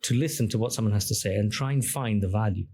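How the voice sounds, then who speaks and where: Lowish, quick, slightly rough and a little mellow, this middle-aged man's voice carries a long podcast explanation. He grew up speaking Greek, works as an engineer and app founder, and in the conversational interview he leans on questions and examples.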